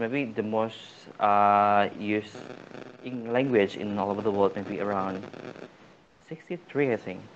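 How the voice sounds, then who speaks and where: Hesitant low-voiced Indonesian young man. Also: muffled recording, slight background noise. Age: young adult. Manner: hesitant, mixes English and Indonesian with many fillers. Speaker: guest, college student. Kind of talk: casual podcast chat.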